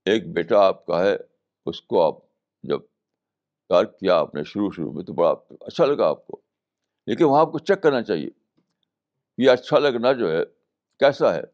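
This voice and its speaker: Older male scholar, lowish voice, measured spiritual talk, repeats himself for emphasis. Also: expressive, darkish tone. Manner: measured, repeats phrases for emphasis, mixes English terms. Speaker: Islamic scholar giving a talk. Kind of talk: spiritual lecture.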